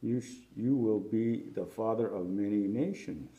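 A man's voice: lowish voice, a little slow, warm tone. A man in a study group reading a Bible passage aloud, plainly. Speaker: scripture reader in a study group.

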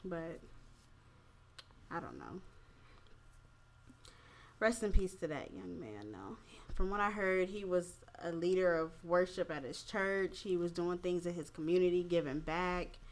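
A woman's voice: fairly low pitch, measured pace, pauses often. A slightly tipsy woman hosting a casual opinion talk, speaking candidly in slangy, profane, informal phrasing. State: a little tipsy. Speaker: podcast host.

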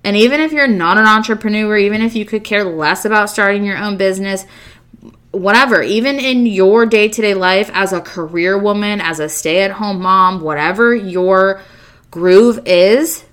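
A woman's voice: mid-range voice, moderate pace, a bit bright, clean tone. A woman hosting a podcast, talking in a candid, casual monologue full of rhetorical questions and the odd swear word. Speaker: podcast host.

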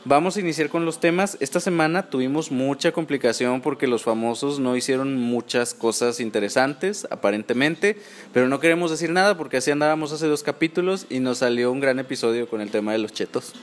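Mexican guy podcast host, chatty and gossipy, super informal, middle pitch. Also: fairly quick. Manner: chatty, informal, gossipy, often ends phrases with tag questions. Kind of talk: casual pop-culture chat podcast.

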